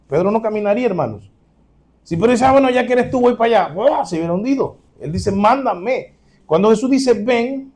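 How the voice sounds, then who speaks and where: A man preaching a sermon as pastor, animated, acting out quotes and addressing the congregation as brothers. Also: a little high.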